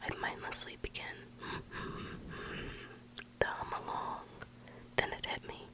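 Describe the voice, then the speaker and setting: An intimate whisper delivers creepy bedtime stories in an ASMR style. The voice is breathy and unvoiced, with very bright, sharp sibilant detail. It sits very close to the microphone and takes its time, leaving lingering pauses. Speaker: ASMR host reading online stories.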